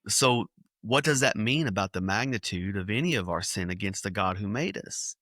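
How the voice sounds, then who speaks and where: Bright-voiced man telling vivid stories. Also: fairly low pitch, normal speed, no echo, studio quality. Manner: animated storyteller acting out scenes. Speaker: kids ministry speaker. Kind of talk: podcast interview storytelling.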